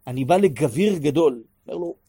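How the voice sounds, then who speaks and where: A man teaching a class on prayer in an animated way, acting out pleas and sometimes raising his voice to a shout. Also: a little high. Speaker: religious teacher.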